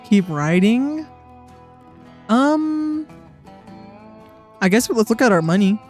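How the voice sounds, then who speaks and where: A woman casually commenting while playing a visual novel, excitable, reading on-screen text aloud. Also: fairly high pitch, slow pace, soft background music.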